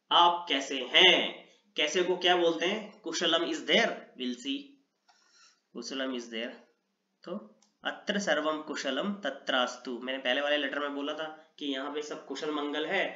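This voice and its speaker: Energetic man teaching, echoey room. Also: a little high. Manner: energetic, mixes English into Hindi explanations. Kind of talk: online Sanskrit lesson in Hindi. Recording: echoey room, dull lo-fi sound.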